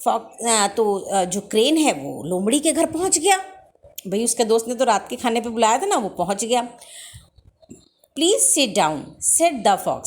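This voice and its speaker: A woman teacher reads a children's story slowly in English and explains each line at length in Hindi. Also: fairly high pitch, sing-song, darkish tone. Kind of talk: bilingual storybook lesson.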